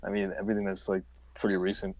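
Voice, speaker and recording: Young male co-host, low voice, loose rambling chat full of fillers. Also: monotone, fast, darkish tone, dry recording, highs cut off. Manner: laid-back, rambling with many fillers. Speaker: livestream co-host. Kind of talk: casual chat.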